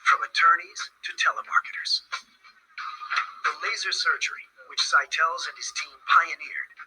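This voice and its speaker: A man's voice: a little high, fairly even intonation, moderate pace, sharp tone, breathy edge, faint music behind, low-quality recording. A man giving dramatic, emphatic scripted documentary narration.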